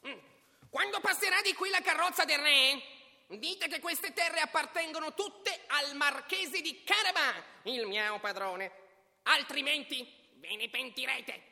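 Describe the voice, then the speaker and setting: Sly tomcat, super bright voice, slow and scheming. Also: female voice, high voice, sing-song, exaggerated voice. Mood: threatening. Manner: sly, coaxing, shouts in alarm. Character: clever scheming male cat, sly and bold. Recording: long hall reverb.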